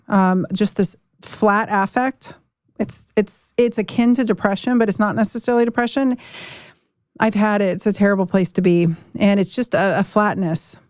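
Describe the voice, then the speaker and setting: A woman's voice: medium pitch, darkish tone, no echo. Woman host, 40s, frank and chatty health talk, mid-range voice, dead-dry room. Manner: candid, chatty, frequent restarts and mock quotes. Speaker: podcast host and doctor.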